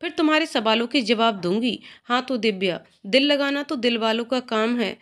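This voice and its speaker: A woman's voice: on the high side, moderate pace, natural voice. A woman voicing a cool, mocking young woman in a read-aloud story. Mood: taunting.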